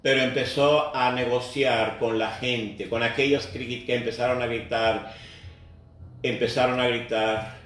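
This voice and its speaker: A man preaches an earnest sermon, turning to his listeners and repeating key phrases. His voice rings with heavy echo and sits well back from the microphone. His pitch stays in an average range. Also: fairly even intonation, measured pace, a bit bright. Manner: earnest, repeats phrases and addresses the congregation directly. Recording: very echoey, voice far from the mic.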